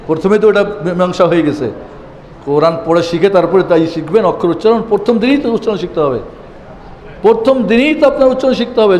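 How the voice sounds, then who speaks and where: A man teaching Quran reading to a class, asking pointed rhetorical questions and chanting letters and verses in drawn-out tones. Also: sits high, darkish tone. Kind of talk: classroom lesson. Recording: echoey room with long reverb, faint background noise.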